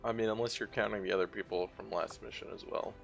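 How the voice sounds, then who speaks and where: A man's voice: on the low side, fairly even intonation, fast, gravelly, muffled recording, faint music behind. A man giving casual gameplay commentary, muttering and thinking aloud as he plays. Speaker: video game streamer.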